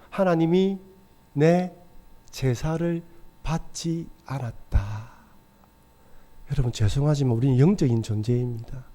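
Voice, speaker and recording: A middle-aged pastor with a fairly high voice and a dark tone preaches in a church sanctuary. He tells his stories earnestly and gives voice to the characters he quotes.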